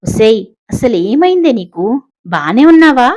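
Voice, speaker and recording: Woman doing a loud scolding mother. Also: on the high side, sing-song, moderate pace, rough recording. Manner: scolding, shouting. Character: scolding middle-aged mother, loud and fussy.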